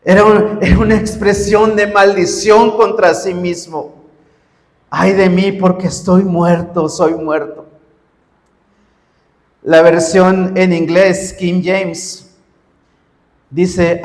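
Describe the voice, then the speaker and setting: High-voiced pastor preaching in a reverberant hall. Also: male voice, little pitch movement, slow. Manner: preaching with rising, emphatic repeated cries. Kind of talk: sermon.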